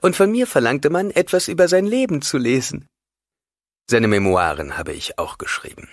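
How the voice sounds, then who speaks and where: A man voicing a polite, deferential young woman envoy in an audiobook, speaking softly in a raised voice. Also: medium pitch, very animated, moderate pace, no room sound, clean studio sound, voice pushed up.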